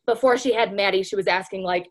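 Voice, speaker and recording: A woman's voice: mid-range voice, fast talker. A woman giving a casual motivational talk to her sales team, chatty and full of "like" and "you know", often calling her listeners "you guys". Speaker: speaker training a sales team.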